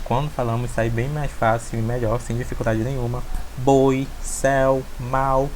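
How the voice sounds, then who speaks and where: Brazilian man, mid pitch, patient teaching delivery, faint noise. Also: darkish tone, rough recording. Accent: Brazilian Portuguese. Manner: patient, repeats points, checks in with listeners. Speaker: student teacher. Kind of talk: recorded class presentation.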